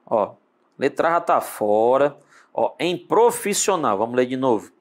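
A man with a Brazilian Portuguese accent teaching an online exam-prep lesson, speaking straight to the student and drawing words out slowly as he breaks them down. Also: medium pitch. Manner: animated, talks to the student directly with lots of tag questions; drawls words out slowly when spelling them.

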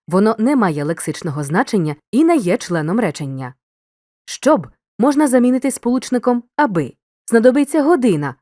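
A woman narrating a scripted grammar lesson as a teacher, giving clear instructions and speaking straight to the learner. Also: medium pitch, a little mellow, no echo, studio quality. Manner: clear didactic instruction, addresses the learner directly.

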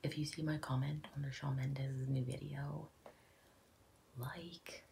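A young Irish YouTuber chats playfully through a reaction video at home, slipping in whispered asides as casual commentary. Her bass voice is slow and level, with vocal fry and a dark tone. There's slight background noise.

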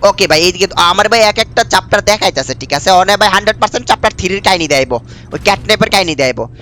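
A man's voice: high voice, animated, very fast, pushed and bright. A young man giving chatty let's-play commentary with a sore throat from a cold, repeating himself and calling viewers brother. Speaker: gameplay streamer.

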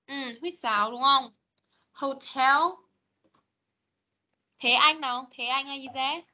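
Patient woman teacher, high bright voice, drilling words over a video call. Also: fairly even intonation, lo-fi sound. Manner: patient, corrective, models words slowly. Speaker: English teacher. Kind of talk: online class pronunciation drill. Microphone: computer mic on video call.

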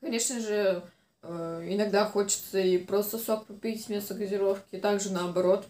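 A woman's voice: mid-range voice, fairly even intonation, normal speed, mellow. A woman in her twenties chatting casually and a little hesitantly, chewing while talking as she eats. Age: 20s. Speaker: mukbang vlogger. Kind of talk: casual chat while eating. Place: small room indoors. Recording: roomy indoor echo.

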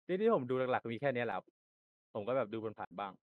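A young man gives long, rambling answers packed with fillers and restarts. He talks quickly at an ordinary pitch. He sounds like a relaxed gamer on voice chat. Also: dry recording, narrow, tinny audio. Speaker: applicant being interviewed.

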